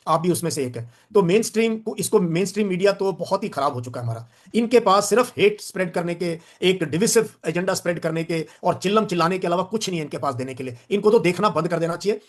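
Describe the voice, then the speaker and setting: Emphatic older man, fast and high. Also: expressive. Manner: emphatic, lecturing, repeats phrases for stress. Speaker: retired veteran diplomat guest. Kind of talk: opinionated interview answers.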